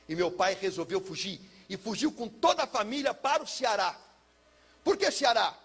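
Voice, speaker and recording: A middle-aged pastor with a high, gravelly voice and a husky edge tells his life testimony. He spins it like a dramatic story and sinks low and quiet at the painful parts. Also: very animated, normal speed. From São Paulo, Brazil. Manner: dramatic storyteller, drops low and soft for heavy moments. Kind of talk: personal testimony sermon.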